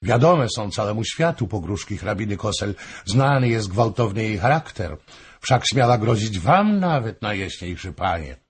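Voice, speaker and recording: A man reading aloud and voicing a sly older noblewoman in a fawning, ingratiating way, with a husky voice. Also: lowish voice, big pitch swings, normal speed.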